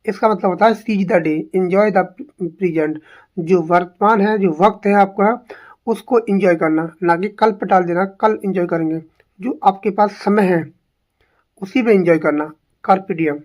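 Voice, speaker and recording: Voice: mid-range voice, measured pace, darkish tone. Exam-prep English teacher; repeats every term and poses rhetorical questions. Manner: drills each word by repeating it, asks rhetorical questions.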